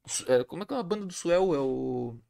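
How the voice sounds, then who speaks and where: A man, a podcast guest telling stories in casual chat, animated, laughing often and swearing. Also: on the high side, a little fast, gravelly.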